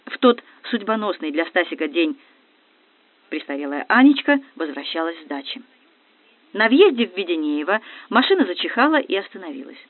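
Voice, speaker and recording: Lively ironic audiobook reader. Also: medium pitch, dry recording. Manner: brisk ironic storytelling. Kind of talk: first-person comic novel narration. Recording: dry, tinny phone-like audio.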